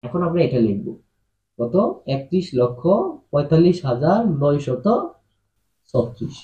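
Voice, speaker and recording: A man explains a math lesson in a fairly high voice, slowly repeating each step and quizzing his students. He sounds patient. The sound rings in an echoey room. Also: dark tone. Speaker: math teacher. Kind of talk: classroom-style math lesson.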